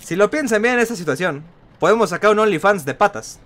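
A man's voice: sits high, expressive, quick pace, fairly bright tone. A young Mexican man streaming a horror game, panicky and jokey, swearing casually and repeating phrases frantically. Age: young adult. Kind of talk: live gameplay commentary, casual and profane. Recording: clear background game noise.

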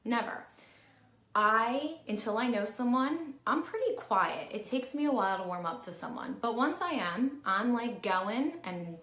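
A woman's voice: a little high, animated, unhurried, fairly bright tone. A middle-aged woman in a candid, casual vlog talk to camera, full of "like" fillers. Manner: candid, chatty, heavy use of "like" fillers. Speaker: vlogger. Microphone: camera at close range, talking to herself on screen. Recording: roomy echo.

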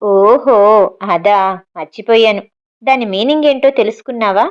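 A woman's voice: on the high side, moderate pace, highs cut off, close to an everyday voice. A woman voicing a playful, secretive young man on the phone in her own voice.

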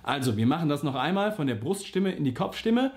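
A man's voice: a little high, very animated, a little fast, darkish tone. A man teaching a singing lesson, explaining simply and patiently, and sometimes singing vowel slides to show an exercise. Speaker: vocal coach.

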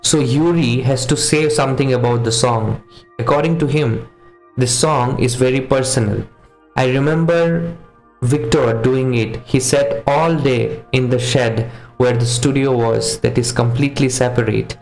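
Recorded roughly with a roomy sound, this man's voice is medium-pitched, gravelly, a little mellow and unhurried. In his thirties, he chats casually and earnestly to viewers in a music reaction video, speaking English as a non-native whose first language isn't English or Hindi. He sits in a small poster-lined home studio at a condenser mic on a boom arm.

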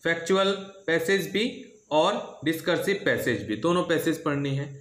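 Bright-voiced man teaching in an echoey room. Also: on the high side, normal speed. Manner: steady, repetitive teaching with frequent "theek hai" check-ins. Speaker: English teacher. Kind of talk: syllabus walkthrough lesson.

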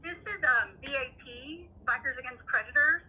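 A woman's voice: sits high, moderate pace, sharp tone, breathy edge, muffled recording. A woman calling in over a phone on speaker, talking in a firm, cold, accusing way as a decoy caller. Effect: heard over a phone on speaker. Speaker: decoy caller for a vigilante group. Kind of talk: confrontational phone call.

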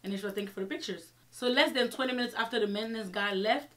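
Young woman on an animated storytime rant. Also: on the high side, very fast. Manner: exasperated, emphatic, retelling dialogue in quoted exchanges. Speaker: vlogger telling her own story. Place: small indoor room with shelves, seated before the camera.

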